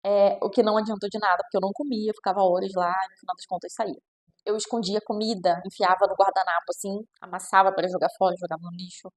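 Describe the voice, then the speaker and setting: Talking fast at medium pitch with fairly even intonation, a woman with a Brazilian Portuguese accent reflects casually to camera as a child nutritionist. She keeps adding chatty "né?" tags and voices quoted parents in different tones.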